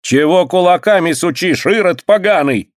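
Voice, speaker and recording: A man's voice: sits high, lively intonation, moderate pace, no room sound, studio quality, pitched above the performer's own voice. A man voicing an angry middle-aged village laundrywoman who scolds shrilly and hisses. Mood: indignant.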